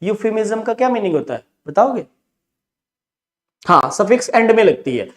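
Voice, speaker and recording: A male English teacher with an Indian accent, explaining grammar in a mixed Hindi-English online class. He keeps checking that students understand, and he slows down sharply when he reads out example sentences in English. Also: high-pitched, sing-song. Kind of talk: online exam-prep class.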